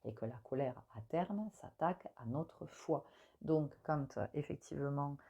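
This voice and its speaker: Low, dark-voiced woman giving spiritual guidance. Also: a little slow, creaky, husky, highs cut off. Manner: hesitant, many fillers, gently explaining. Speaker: spiritual channel guide. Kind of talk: spiritual monthly guidance talk.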